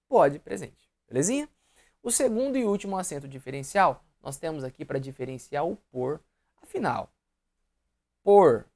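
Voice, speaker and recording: A man's voice: fairly high pitch, darkish tone. A man with a Brazilian Portuguese accent teaching an online grammar lesson, often checking in with the viewer and voicing imagined student questions.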